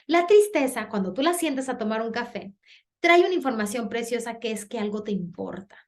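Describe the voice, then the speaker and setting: A middle-aged woman gives a conference talk for parents. She talks in a lively way and acts out little dialogues in different voices. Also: on the high side, fairly quick. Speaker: speaker giving a parenting talk.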